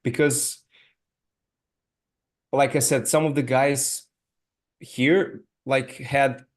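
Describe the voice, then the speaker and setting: Halting Serbian-accented man hosting. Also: medium pitch, steady tone. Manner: halting, many restarts and fillers. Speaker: podcast host. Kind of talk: casual interview chat.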